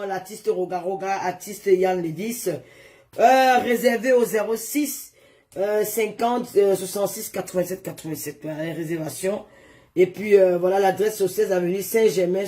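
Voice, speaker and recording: Going live on her phone from home, this influencer talks with her followers, shows off items to the camera and tells off people who comment. She has a medium-pitched, dark voice.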